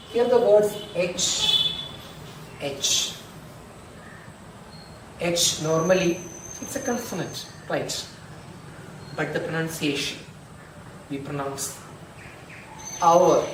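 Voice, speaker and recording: A male school teacher, slowly explaining grammar in an online lesson and repeating examples. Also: on the high side, a bit bright. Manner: slow, repetitive, drills examples aloud. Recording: echoey room, distant mic, noisy.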